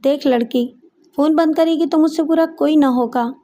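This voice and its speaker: A woman voicing a suspicious, sharp-tongued middle-aged mother who scolds and threatens in an audiobook story. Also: high voice, normal speed, close to an everyday voice. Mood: scolding. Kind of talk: audiobook character voice.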